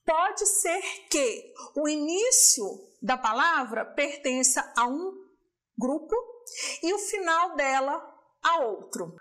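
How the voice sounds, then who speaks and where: Her voice is high and sharp-toned as this Brazilian Portuguese-accented teacher leads a remote class on poetic meter. Each point comes slowly and deliberately, one step after another.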